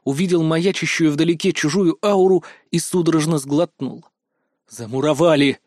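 A man's voice: fairly high pitch, moderate pace, no room sound. Tense, dry-voiced male audiobook narrator. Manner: tense, expressive, with curses. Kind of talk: first-person audiobook narration.

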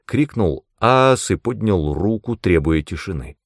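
Man, audiobook narration, lively expressive reading, dry. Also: sits low, measured pace, no echo.

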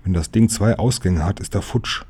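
A man's voice: fairly low pitch, moderate pace, slightly rough. A man voicing a clever, commanding boy who leads a gang of young detectives. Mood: brisk. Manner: sharp, commanding.

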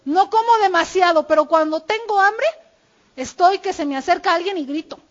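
High-voiced woman giving a church marriage talk. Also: normal speed. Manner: candid, confessional, quotes her husband. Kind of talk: informal sermon talk. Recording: dull lo-fi recording.

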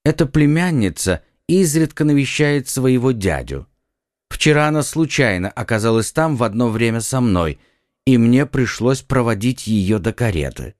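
A man voicing a composed, scholarly young musketeer in an audiobook, speaking calmly and evenly. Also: medium pitch, moderate pace, no room sound, studio quality, close to an everyday voice.

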